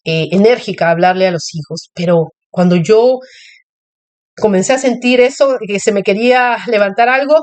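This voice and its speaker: Woman preacher, earnest testimony style, mid pitch, repetitive, direct address. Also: normal speed, a little mellow. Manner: earnest, repetitive, speaks directly to listeners as "usted". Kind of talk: sermon with personal testimony.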